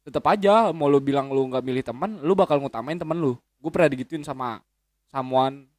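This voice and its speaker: Chatting casually as a guest, this man in his 20s rambles along in slang, swearing a lot and restarting as he hesitates and corrects himself. His pitch is medium and his pace a little quick, captured in a dry, clean studio recording.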